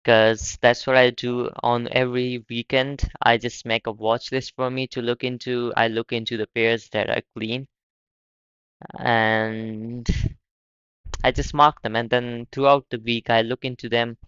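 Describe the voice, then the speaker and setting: A young man from Pakistan hosting a casual live stream, talking haltingly and often repeating his words. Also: mid-range voice, flat delivery, fairly bright tone, clean tone, no echo, lo-fi sound. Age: young adult. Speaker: livestream host.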